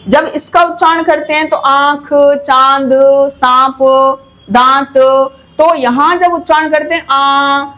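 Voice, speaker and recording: A woman with a high voice gives a Hindi grammar lesson for exam students. She explains step by step in a patient teacher's manner and stretches out sounds to demonstrate pronunciation. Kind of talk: classroom-style grammar lesson.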